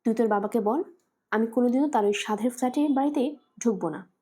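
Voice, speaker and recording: A woman's voice: fairly high pitch, quick pace, slightly rough. A woman voicing an angry middle-aged mother who scolds her daughter over the phone. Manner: sharp, scolding.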